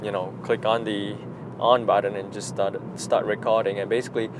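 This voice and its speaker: A man's voice: fairly low pitch, flat delivery, moderate pace, background noise. A man, chatting unscripted in a vlog from his moving car, rambling with many fillers and restarts. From Singapore. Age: 30s. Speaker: vlogger. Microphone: action camera mounted in car.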